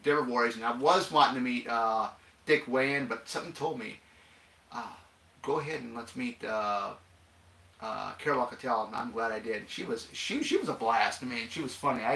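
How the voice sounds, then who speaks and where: Man talking about a film, easygoing and meandering, gravelly with a sharp, bright edge, in a roomy space. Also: mid-range voice, a little fast. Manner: rambling, many fillers and restarts. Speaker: film commentator. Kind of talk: casual chat. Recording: echoey room.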